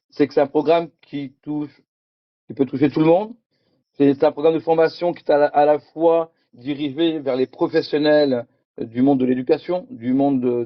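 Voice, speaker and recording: A middle-aged man from Picardy, France, speaks a little high as he gives a conference talk with slides, hesitating and repeating words. The recording has no echo, but its high frequencies are cut off.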